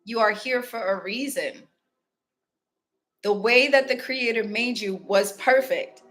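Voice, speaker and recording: Soft music plays behind a woman from Ghana whose voice is fairly high and a bit bright, delivered slowly. As a spiritual self-help host, she chats directly with her viewers in a casual motivational talk that's candid and reflective.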